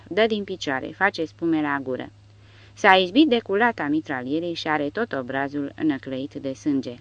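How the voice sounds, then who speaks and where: A woman narrating an audiobook in a dramatic, expressive reading style. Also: low voice. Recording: dull dry recording.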